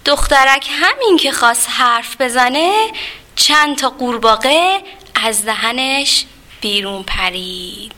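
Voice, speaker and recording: An expressive woman telling a children's fairy tale, her voice high and bright. She leans toward young listeners and speaks to them directly as she reads. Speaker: storyteller. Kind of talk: children's storybook reading.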